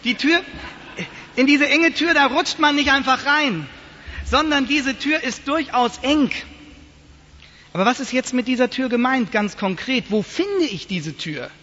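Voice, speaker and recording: A man preaching a sermon to his congregation in a church, telling stories in a lively, animated way. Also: extremely high pitch, a little slow. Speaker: pastor. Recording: dull lo-fi sound, long church reverb.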